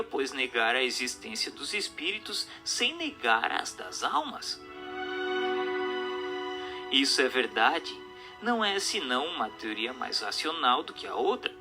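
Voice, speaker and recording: Reading a spiritual text aloud over music, a Brazilian audiobook narrator delivers it in a declamatory, didactic and emphatic way. His voice is mid-range with a sharp tone.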